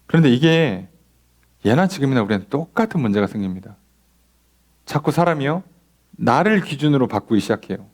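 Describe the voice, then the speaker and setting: A man's voice: medium pitch, sing-song, fairly quick, pauses often. A man pastor teaching a Bible study in a conversational way, acting out little dialogues and asking rhetorical questions. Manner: conversational, acts out imagined dialogues in a softer voice, asks rhetorical questions. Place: church.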